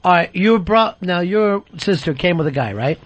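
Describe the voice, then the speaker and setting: A male radio host in a studio, needling his guests in loose, profane banter and laughing as he goes. His voice sits a little high for a man. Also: lively intonation, moderate pace, dry recording. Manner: teasing, profane, laughs often.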